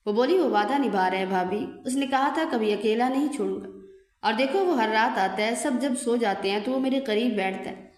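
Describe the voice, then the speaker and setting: A woman's voice: a little high, natural voice. Woman voicing a dreamy, lovesick young woman. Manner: soft, dreamy, murmuring. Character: grieving young woman, dreamy, obsessed with her dead love. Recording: echoey room with long reverb.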